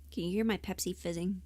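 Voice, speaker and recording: A woman who hosts livestreams and does audio performance chats casually, close to the mic. She is scattered and giggly, thinking aloud as she goes. Her voice is on the low side, with a darkish tone.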